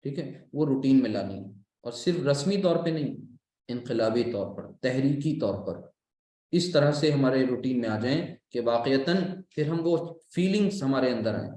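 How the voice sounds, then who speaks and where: A man's voice: medium pitch, lively intonation, normal speed, warm tone, roomy sound. A man giving a religious lecture, explaining patiently and repeating key terms as a teacher. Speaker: Islamic course lecturer. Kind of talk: religious lecture on Quran recitation.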